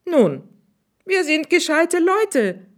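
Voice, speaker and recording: A woman's voice: extremely high pitch, big pitch swings, extremely slow, voice pushed up, exaggerated voice. A woman reading a storybook aloud, voicing a clever male swineherd who explains his plan eagerly.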